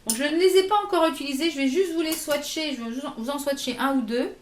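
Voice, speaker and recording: A woman's voice: high-pitched, quick pace, reverberant, a little hiss or hum. A woman vlogger showing makeup products to camera in a casual haul video, talking with many hesitations and fillers. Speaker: beauty vlogger.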